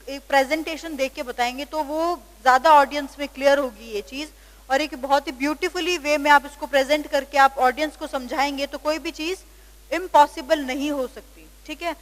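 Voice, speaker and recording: A woman with an Indian accent giving a college lecture on literary terms, reading English definitions slowly and then explaining them in Hindi, often checking in with "theek hai". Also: sits high, fairly even intonation, long reverb tail.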